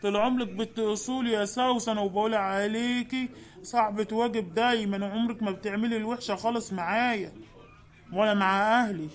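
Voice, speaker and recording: A woman's voice: medium pitch, steady tone, fairly quick, pitched below the performer's own voice, natural voice. A woman voicing a grown husband who keeps the peace, soothing and reasoning with an Egyptian accent. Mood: coaxing. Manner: soothing, reasoning, calls people darling. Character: husband Hussein, grown man, placating peacemaker.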